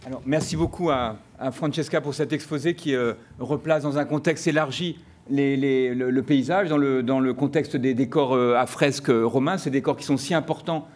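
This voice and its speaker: A man moderating an academic session with improvised remarks, halting and hesitant, often repeating words as he searches for the next phrase. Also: mid-range voice, a little mellow. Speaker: session moderator and exhibition curator.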